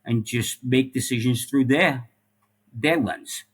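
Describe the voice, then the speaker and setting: A middle-aged man who used to be a police officer and firefighter speaks earnestly as a podcast guest in a casual interview conversation. He often repeats words and tosses in "like" and "right?". His voice is husky, at medium pitch, with a slow pace.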